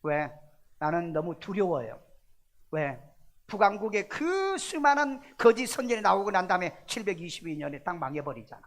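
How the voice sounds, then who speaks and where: A man's voice: high voice, sing-song, normal speed. A male pastor preaching a sermon in a church, emphatic and full of rhetorical questions. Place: church sanctuary.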